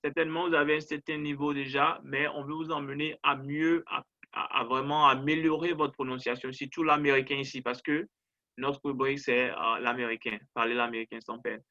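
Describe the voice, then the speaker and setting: Bright-voiced male English teacher. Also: mid-range voice, little pitch movement, lo-fi sound. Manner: drills phrases slowly and repeats them for the listener to echo; encouraging, coaxing. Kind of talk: online pronunciation lesson.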